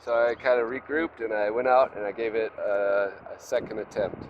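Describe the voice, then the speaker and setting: A man with a slightly congested, head-cold voice talks in a casual, halting, self-deprecating vlog monologue, matter-of-fact throughout. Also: fairly low pitch, fairly even intonation, muffled recording. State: has a cold with nasal congestion. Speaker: vlogger, trail runner. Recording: loud wind and outdoor noise on mic.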